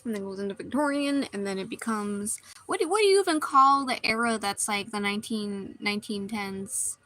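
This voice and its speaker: A woman's voice: mid-range voice, animated, brisk, pushed and bright, no echo, poor audio. A woman streamer chatting casually while she draws, rambling and restarting her sentences often. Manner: rambling, meandering, many restarts.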